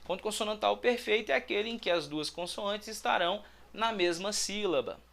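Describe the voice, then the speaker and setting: A male teacher from Brazil explaining an exam question in a lively, chatty way, often checking in with his students. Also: sits high, brisk, creaky. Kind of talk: exam-prep lesson. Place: prep school classroom or studio.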